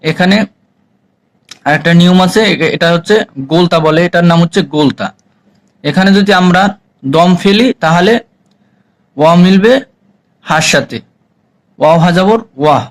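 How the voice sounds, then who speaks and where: A man teaching Quran reading, spelling out each letter and vowel slowly before chanting the joined words. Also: a little high, low-quality recording. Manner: slow, drawn-out syllable-by-syllable spelling and chanted recitation. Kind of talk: spelling-out recitation lesson.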